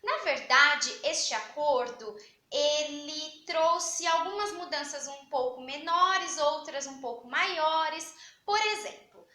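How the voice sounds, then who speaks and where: A young woman teaching a grammar class, her voice high and bright. She talks in a chatty way, asking questions and then answering them herself. The sound bounces around an echoey room. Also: slow. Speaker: Portuguese teacher. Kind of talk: online grammar lesson.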